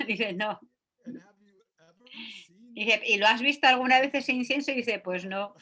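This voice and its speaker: A woman gives a Buddhist teaching on a sutra, reading passages aloud and pausing often on filler sounds. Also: fairly high pitch, pushed and bright.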